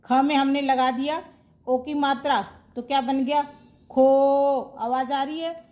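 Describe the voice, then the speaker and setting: A woman with a high, light voice teaching a grammar lesson online. She asks a question, answers it herself and goes over each term again, in the steady way of a classroom teacher. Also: moderate pace. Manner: asks questions and answers them herself, repeats key terms.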